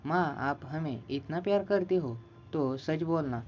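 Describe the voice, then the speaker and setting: A man's voice: on the high side, a little slow, a little mellow, lo-fi sound, slight background noise, lightly acted. A man voicing a despairing, unemployed young son who speaks with sorrow and self-reproach. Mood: sorrowful.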